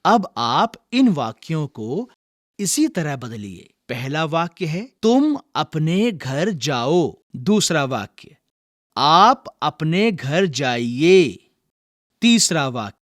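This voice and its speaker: Male teacher narrating a language lesson, deliberate dictation, dry close recording. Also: fairly high pitch, very animated, no echo. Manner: slow, deliberate dictation of sample sentences. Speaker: teacher reading textbook exercises.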